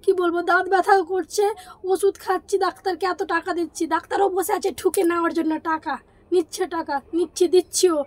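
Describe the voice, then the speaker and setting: Young woman, hoarse voice but high pitched, griping loud in a casual vlog. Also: flat delivery, fast talker. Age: early 20s. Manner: complaining, rising to loud exasperated outbursts. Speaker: vlogger.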